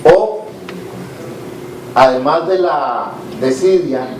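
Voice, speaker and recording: A middle-aged Costa Rican businessman talks to a conference audience in an informal, candid way, often pausing on "eh". His voice sits a little high and reaches the mic from a distance. The hall rings with echo and there is a faint hiss behind him. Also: a little mellow. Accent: Costa Rican Spanish. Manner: informal and candid, frequent "eh" fillers and restarts. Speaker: business leader giving a conference talk. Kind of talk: conversational speech to an audience.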